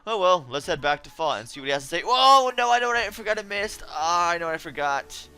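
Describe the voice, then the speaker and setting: Lively bright-voiced man narrating gameplay. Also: on the high side, quick pace, clear, resonant tone. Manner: chatty, wry and easily annoyed. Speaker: let's play host. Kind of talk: casual game commentary.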